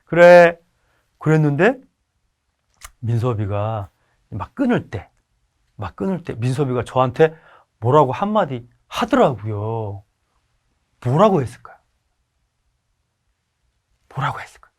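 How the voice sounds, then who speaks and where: A man's voice: mid-range voice, a little slow, long pauses. A middle-aged man giving a mind lecture to elderly listeners, telling stories with acted-out dialogue and putting questions to the audience. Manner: animated storytelling, acting out dialogue, asking the audience questions. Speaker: lecturer at a senior college.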